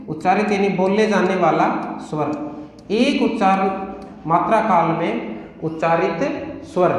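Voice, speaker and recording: A man with a fairly high voice and a Rajasthani Hindi accent teaches exam-prep grammar. He asks the class questions, answers them himself, and drills key terms over and over. The sound is very echoey, with a long reverb tail from the room. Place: coaching classroom.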